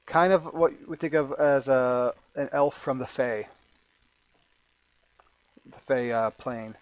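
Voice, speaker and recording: A man's voice: medium pitch, no room sound, dull audio. A man narrating a tabletop game as game master, often repeating words as he works things out. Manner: halting, repeats words while thinking.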